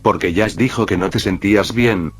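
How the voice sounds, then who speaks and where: A man voicing a blunt, sharp-tongued teenage girl in a read-aloud fan story, speaking dryly. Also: fairly low pitch, normal speed, slight background noise, close to an everyday voice.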